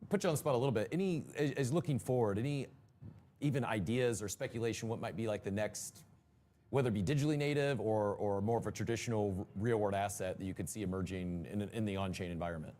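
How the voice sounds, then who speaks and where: A man hosting a live conference interview show, talking at a brisk clip. His questions tumble out with restarts and energetic asides. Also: lowish voice, a little hiss or hum. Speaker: podcast host.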